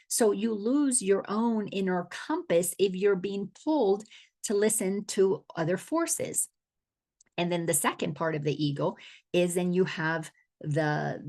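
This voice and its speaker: A woman's voice: on the low side, creaky, darkish tone. A middle-aged woman from the Dominican Republic, an awareness coach giving a spiritual teaching talk, earnest and often restarting her words.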